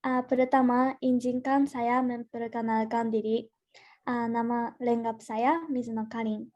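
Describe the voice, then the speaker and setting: Young Japanese-accented woman, high mellow foreigner's delivery. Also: little pitch movement, measured pace, muffled recording. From Gifu, Japan. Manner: careful learner's delivery, repeating and restarting words. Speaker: student guest presenter. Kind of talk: prepared presentation by a foreigner speaking Indonesian.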